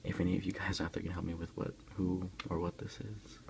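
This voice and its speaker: A male ASMR video host, recorded on a phone, runs a casual unboxing in a soft, breathy whisper. He's unhurried and a touch hesitant, with a low-pitched, flat delivery and background noise in the recording.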